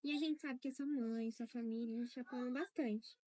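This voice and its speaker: A woman interviewer asks gentle, encouraging questions in a high, quick voice. The sound is close and dry. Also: fairly even intonation, no echo. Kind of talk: documentary interview.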